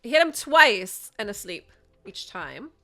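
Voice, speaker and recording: Taking it slowly, the young woman sounds very animated, her mid-range voice pushed and bright. As a gaming content creator she casually narrates her gameplay for viewers, chatty and upbeat though sniffly with a sinus infection, on an indoor desk mic.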